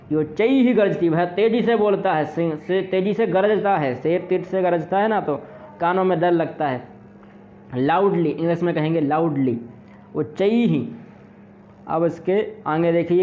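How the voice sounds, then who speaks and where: Higher-voiced male teacher drilling words. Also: narrow, tinny audio. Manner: slow drilling repetition of words for students. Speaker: Sanskrit teacher. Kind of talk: class lesson explaining word meanings.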